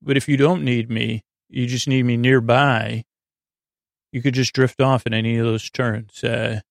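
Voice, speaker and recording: A gravelly, creaky-voiced man with a mid-range male pitch hosts a bedtime podcast, wandering through improvised tangents and breaking off and restarting mid-word. His delivery is flat and unhurried. The recording is close and very dry, with no room sound at all.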